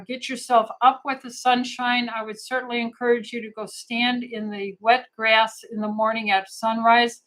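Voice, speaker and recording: A woman's voice: a little high, a bit bright, poor audio. A middle-aged woman physician answering viewer questions on a live stream, talking in a casual, hesitant way with many fillers, restarts and heartfelt asides.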